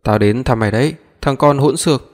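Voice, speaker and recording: A man reading the lines of a stern, sharp-tongued older mother in an audiobook, in a scolding way, with a long reverb behind his voice. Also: mid-range voice, brisk, lightly acted.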